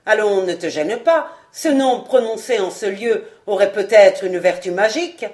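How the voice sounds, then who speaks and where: A woman's voice: mid-range voice, animated, a little slow, natural voice. A woman doing a sneering male villain. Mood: mocking. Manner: ironic, sneering. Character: cruel mocking male ex-acrobat thug.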